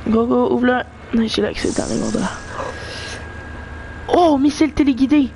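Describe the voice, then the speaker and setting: A gamer chatting live through a game with friends, excitable, cheering teammates on and mixing in English slang and swearing. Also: mid-range voice, moderate pace, creaky, background noise.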